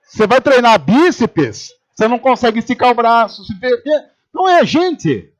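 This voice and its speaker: A pastor from Brazil giving a humorous sermon in church, telling stories and acting out the voices of the people in them. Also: male voice, very high-pitched, normal speed. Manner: animated storytelling, acting out quoted voices.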